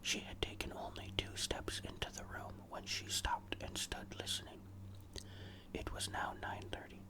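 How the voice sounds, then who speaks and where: A storyteller reads a ghost story as ASMR, never rising above a whisper. The delivery is hushed, deliberate and suspenseful, with no voiced tone at all, as scripted narration for close listening. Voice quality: fully unvoiced whisper.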